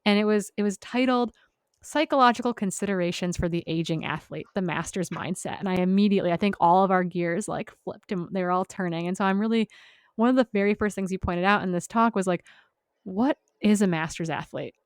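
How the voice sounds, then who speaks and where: A woman's voice: mid-range voice, brisk, clear, resonant tone, dry recording, studio quality. A young woman hosting a podcast interview, chatty and upbeat, peppering her talk with "like". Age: young adult. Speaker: podcast host. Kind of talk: casual interview chat.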